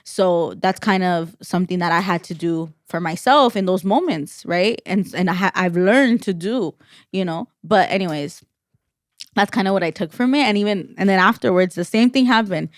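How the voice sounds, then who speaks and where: A woman's voice: fairly low pitch, moderate pace, no room sound, clean studio sound. A woman co-hosting a podcast in casual chat, rambling with lots of "like" fillers and restarts. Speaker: podcast co-host.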